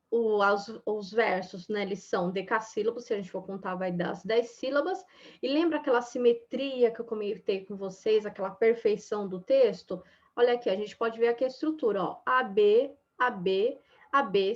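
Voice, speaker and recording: A woman teaching a lesson in a chatty, casual way, full of little fillers. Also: a little high. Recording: dull lo-fi sound.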